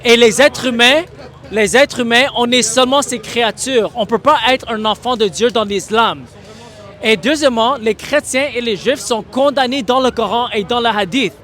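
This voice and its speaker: A man with a strikingly high voice argues on a busy city street. He is insistent and pressing, hammering his point and repeating his friendly address again and again. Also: normal speed, a bit bright. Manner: insistent, keeps repeating "mon ami". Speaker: street evangelist. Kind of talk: street debate.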